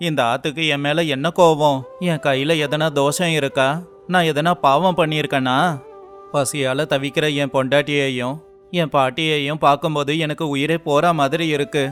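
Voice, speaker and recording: A man's voice: fairly high pitch, a bit bright, close to an everyday voice. A man playing a poor young fisherman who is despairing but kind, speaking earnestly and with feeling in a storybook tale. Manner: earnest and emotional.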